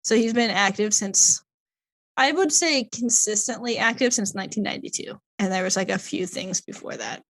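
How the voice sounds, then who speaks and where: A woman co-hosting a casual podcast reads a long plot summary aloud, tripping over odd names and using lots of fillers. Her mid-range voice is fairly bright, at a moderate pace.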